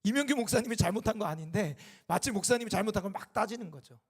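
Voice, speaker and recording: A man preaching a Sunday sermon as a pastor, building to impassioned loud peaks and falling back to quiet, and acting out the dialogue in his stories. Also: sits high, lively intonation, fast talker, slightly rough. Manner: acts out quoted dialogue in the telling. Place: church sanctuary.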